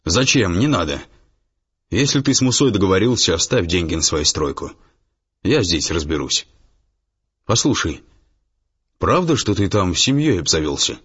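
A man's voice: sits low, sing-song, normal speed, long pauses, a bit bright, husky, heavily acted. A man voicing an irritated male businessman who presses for answers. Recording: dull lo-fi audiobook, faint music.

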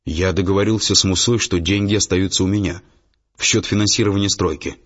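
A man voicing a reserved, calm male businessman who answers in a measured way. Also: sits low. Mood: guarded. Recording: dull lo-fi audiobook, faint music.

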